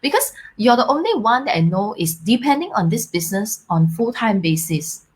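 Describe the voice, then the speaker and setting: Singaporean woman hosting a chat, bouncy pitch, lots of mm and okay. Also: sing-song, brisk. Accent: Singaporean English. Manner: attentive, lots of hmm and okay. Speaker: host. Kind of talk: casual interview chat.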